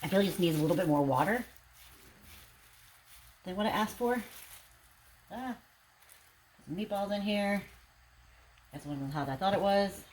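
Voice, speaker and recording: A woman's voice: medium pitch, expressive, moderate pace, pauses often, darkish tone, rough recording. A woman food vlogger talking casually through what she is cooking. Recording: faint kitchen noise, frying sizzle.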